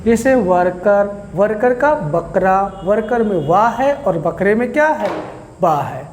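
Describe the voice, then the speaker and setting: A man's voice: sits high, animated, slow, long reverb tail, slight background noise. A man teaching Hindi grammar to a class, who asks questions and answers them himself. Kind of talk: classroom lecture.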